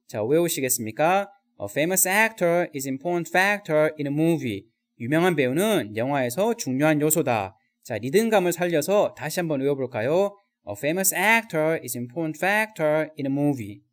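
A man teaching vocabulary in a recorded lesson, speaking straight to viewers and drilling slow example sentences. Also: on the high side.

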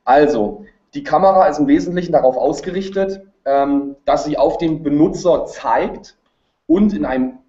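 A man's voice: mid-range voice, mellow. A man gives an informal, unscripted webinar presentation. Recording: roomy, dull webinar audio.

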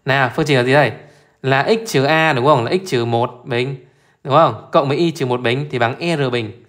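A male math teacher talks through exam questions in a brisk, informal way. He keeps stopping to ask his listeners whether they follow, repeating short prompts again and again. His voice sits in an ordinary middle register. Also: mid-range voice, fairly bright tone. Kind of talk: live exam solution walkthrough.

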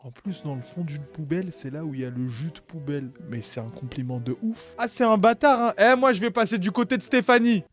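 A man's voice: on the high side, expressive, fairly quick, hardly any pauses, faint music behind. A male streamer giving live reaction commentary, mocking with crude slang.

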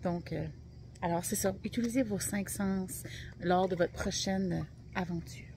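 A woman's voice: fairly low pitch, unhurried, a little mellow, a little hiss or hum. Chatty Québécoise woman vlogging. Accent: Québécois French. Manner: chatty, talks straight to viewers. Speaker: vlog co-host. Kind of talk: casual travel vlog chat. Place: car interior, then backyard pool outdoors. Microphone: phone camera at arm's length.

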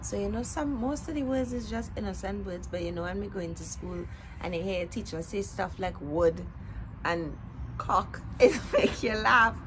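A woman's voice: mid-range voice, normal speed. A woman in her twenties with a Trinidadian Caribbean accent, chatting casually and playfully to camera in colloquial speech. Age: 20s. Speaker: video creator. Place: outdoor porch beside greenery. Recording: noisy outdoor ambience with vehicle sounds.

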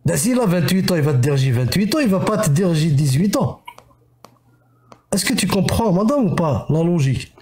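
A man's voice: on the high side, expressive, normal speed, warm tone, roomy sound. A middle-aged man in a heated live-stream debate, lecturing with scornful rhetorical questions over a video call. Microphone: headset, video call.

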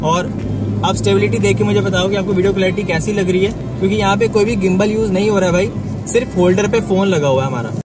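A young man in his twenties explaining gear in a chatty vlog, recorded on a phone's built-in mic in a car. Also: sits high. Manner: chatty, explanatory, addresses viewers as friends. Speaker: vlogger. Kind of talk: casual tutorial vlog. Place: inside a moving car, then outdoors by the car.

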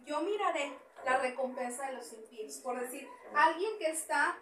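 A middle-aged woman pastor, preaching a sermon and reading scripture, animated and repeating phrases. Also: high-pitched, normal speed. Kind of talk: Spanish sermon with Bible reading. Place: small church hall indoors. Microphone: far camera, no mic. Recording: echoey room from far off with faint noise.

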